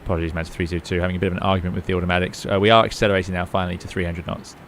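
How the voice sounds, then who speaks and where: A man, an airline pilot, reading back air traffic control instructions over his headset in brisk, apologetic radio phraseology. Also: low voice, little pitch movement, a bit bright. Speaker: airline pilot streaming a flight simulator.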